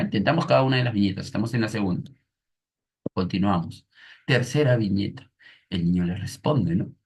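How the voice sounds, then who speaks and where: A man's voice: fairly low pitch, breathy edge. A man teaching an online lesson, reading a comic aloud and explaining it step by step with frequent tag questions.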